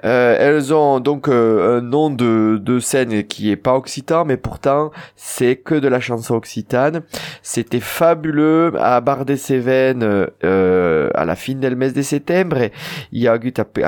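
A man's voice: medium pitch, a little mellow. Male Occitan teacher, southern French accent, patient and explanatory. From southern France. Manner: patient, explains rules with spoken examples. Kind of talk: radio language lesson.

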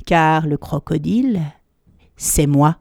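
A sly, hungry crocodile, as a woman storyteller puts him on, speaking low and hushed to coax his prey closer. The storybook voice is dry and close. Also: lively intonation, slow pace, creaky, no room sound, heavily acted.

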